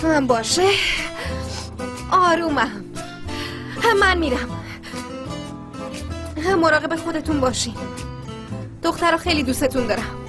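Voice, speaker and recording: A woman's voice: high voice, animated, long pauses. A woman dubbing a fretful, exasperated young woman in a TV drama. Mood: tense. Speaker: dubbing actor. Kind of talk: dubbed TV drama. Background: music.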